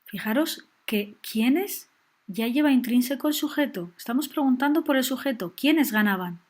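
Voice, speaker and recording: Woman teaching grammar, slightly high. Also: lively intonation, normal speed, darkish tone. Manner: clear, patient explaining with frequent check-ins. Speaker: English teacher. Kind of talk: grammar lesson.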